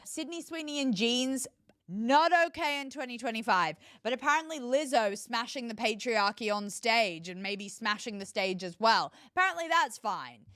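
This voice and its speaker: A woman's voice: on the high side, moderate pace, a bit bright, no room sound, studio quality. A woman hosting her own show, giving opinionated commentary with an emphatic, scornful tone and lots of rhetorical questions. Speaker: political commentary host.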